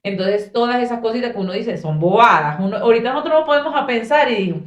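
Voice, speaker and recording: A woman with a Venezuelan accent from Maracaibo, a guest telling stories in casual, animated talk and acting out the voices she quotes. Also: fairly high pitch, fast, echoey room, distant mic, highs cut off. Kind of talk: casual storytelling.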